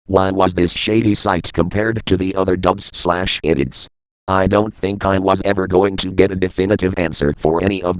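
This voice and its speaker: A man's voice: low voice, smooth, no echo, poor audio. A man reading a scripted creepypasta as a first-person narrator. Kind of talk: scripted horror story narration.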